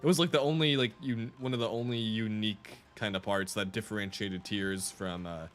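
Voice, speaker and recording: A man's voice: on the low side, steady tone, fairly quick, faint music behind. A young man chatting casually while streaming a video game, rambling with restarts and laughs. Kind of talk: casual live-stream chat while gaming.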